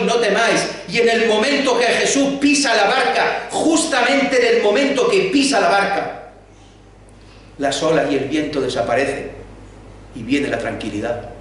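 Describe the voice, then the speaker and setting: A man preaching a sermon in a church, retelling stories dramatically, rising for quoted lines and dropping to a hush. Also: high-pitched. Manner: dramatic retelling, voicing quoted lines with rises and hushed drops. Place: church hall. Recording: very echoey hall, from far off, faint hum.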